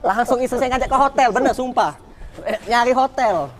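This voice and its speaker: A man telling his life story in a casual interview, animated, swinging from loud exclaims to low murmurs. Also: fairly quick, slight background noise.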